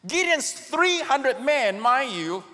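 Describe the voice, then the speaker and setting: A man's voice: extremely high pitch, very animated, takes it slowly, bright, forceful tone. A male pastor delivering a sermon, speaking with emphasis and calling on the congregation to respond. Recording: long reverb of a big hall.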